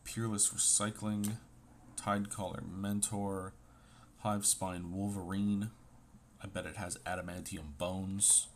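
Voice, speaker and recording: A man with a low voice and a sore throat, talking slowly and casually as he reads out card names one by one. He drops in playful little asides between them, and faint noise sits underneath. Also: little pitch movement. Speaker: host opening trading card packs. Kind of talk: casual chat.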